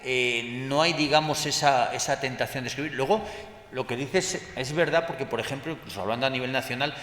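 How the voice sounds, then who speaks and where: A man's voice: medium pitch, brisk, a bit bright. A man moderating a panel discussion, hesitant and full of fillers and restarts, in a large hall. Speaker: moderator of a round table. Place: large hall at a book fair. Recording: roomy hall with long reverb.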